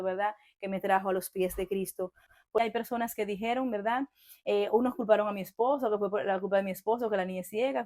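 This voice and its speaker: A woman's voice: mid-range voice, a little mellow. Fervent woman sharing her faith testimony. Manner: fervent, with frequent tag questions; reads scripture slowly and emphatically. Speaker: church member giving testimony.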